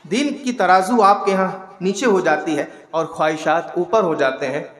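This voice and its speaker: A man delivers a sermon in a high, sharp voice, slipping from quiet talk into loud shouted exhortation. He teases his listeners with mocking asides. The recording carries the roomy echo of a large hall. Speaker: Islamic preacher. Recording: echoey hall with long reverb.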